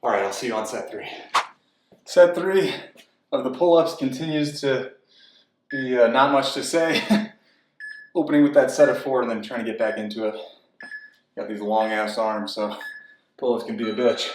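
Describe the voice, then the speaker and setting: A man's voice: mid-range voice, moderate pace, long pauses, noisy background. Man, out of breath, casual workout chat, echoey apartment, distant mic. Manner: winded, candid, chatty between sets. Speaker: fitness vlogger. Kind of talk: casual talk between workout sets. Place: apartment home gym. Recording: roomy echo, from far off.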